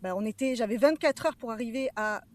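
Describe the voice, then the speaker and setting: A woman giving a personal testimony as a podcast guest, earnest and emotionally charged, often pausing to search for words. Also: fairly high pitch, darkish tone.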